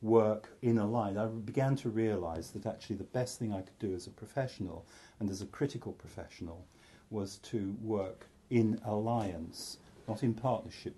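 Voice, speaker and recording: This is a middle-aged man, a psychiatrist from North Wales, talking frankly and self-deprecatingly to an audience while restarting sentences and wandering into asides. His voice sits on the low side, mellow but husky.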